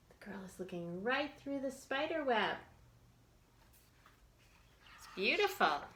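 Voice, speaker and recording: At a slight hiss or hum, a children's librarian reads to young kids in a bright, slightly high voice. She lingers over short, simple phrases and addresses her listeners directly with little questions and asides.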